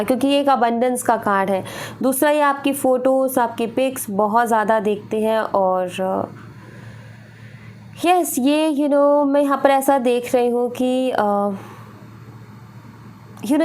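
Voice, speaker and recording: A woman giving a tarot reading, earnest and repetitive, often slipping in "you know". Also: a little high. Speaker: tarot reader.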